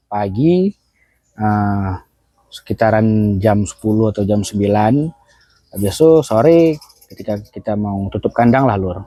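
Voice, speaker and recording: A man, a goat farmer, talking in a relaxed and chatty way outdoors at his goat pen, tagging his sentences with little asides. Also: fairly low pitch, no room sound. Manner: relaxed and chatty, keeps tagging phrases with "Lur" and "ya kan". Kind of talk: casual vlog chat.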